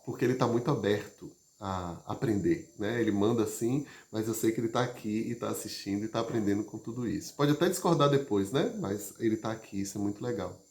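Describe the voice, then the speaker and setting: A man leading a live session, moving between loud emphasis and soft, gentle speech. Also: on the low side, fairly quick, few pauses. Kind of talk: live talk to an audience. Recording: roomy, echoey sound.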